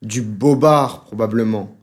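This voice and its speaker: A man's voice: on the low side, unhurried, a little mellow, voice pushed down, close to an everyday voice. A man voicing a coarse, weary young soldier on leave, blunt and mocking, in an audiobook reading.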